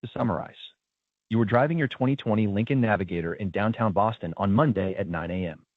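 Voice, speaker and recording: Through a narrow, tinny phone-like line, a lowish synthetic male voice delivers scripted customer service lines at a quick pace. He acts as a polite, procedural automated claim agent, with no room sound.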